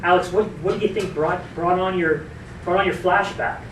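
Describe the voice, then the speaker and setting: Roomy, distant recording with clear noise. A male actor plays an earnest, reassuring sitcom therapist with a high, animated voice. He hesitates and repeats himself. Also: normal speed, close to an everyday voice. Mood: earnest, probing. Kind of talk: live-action comedy series dialogue. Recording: roomy, noisy, distant location sound.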